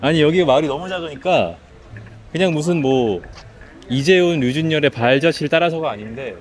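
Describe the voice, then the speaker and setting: A man's voice: a little high, lively intonation, fairly quick. A young man chatting easily with short replies during a casual travel vlog outdoors. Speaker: travel vlogger. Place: outdoors in a small town.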